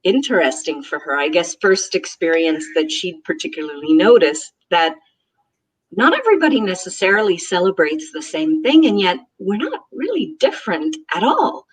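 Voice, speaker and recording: A woman born in Israel and raised in the United States co-hosts a casual online conversation, emphatic and enthusiastic but with hesitant fillers. Her voice is on the low side, sing-song and breathy-edged, at a moderate pace, on a low-quality recording.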